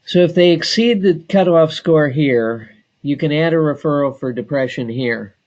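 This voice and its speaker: A man training staff on database software, talking slowly and deliberately with frequent filler pauses. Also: a little high, lo-fi sound. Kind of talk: screen-share software tutorial.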